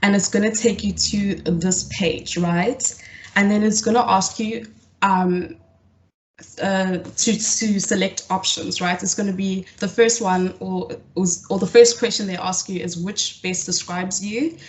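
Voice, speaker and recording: A woman's voice: mid-range voice, steady tone, measured pace. Woman teaching, hesitant. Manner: hesitant, lots of fillers and restarts. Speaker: workshop facilitator. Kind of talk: live online coding tutorial. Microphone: video call.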